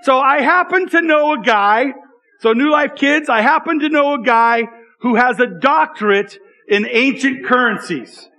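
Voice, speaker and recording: High, bright-voiced man preaching to kids. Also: lively intonation, measured pace. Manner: asks the listeners questions and repeats key phrases. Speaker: children's church preacher. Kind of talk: interactive sermon for children.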